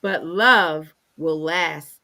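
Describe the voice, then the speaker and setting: A woman co-hosting a faith talk show, reading scripture aloud in a slow, measured way. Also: deep voice, gravelly, bright, forceful tone. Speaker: co-host.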